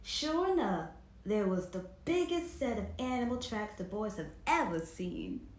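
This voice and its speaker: A woman hosts a children's storytime, reading aloud with expressive, performative flair and talking directly to the viewers. Her voice is medium-pitched and measured in pace. It sounds like a home recording, roomy and echoing.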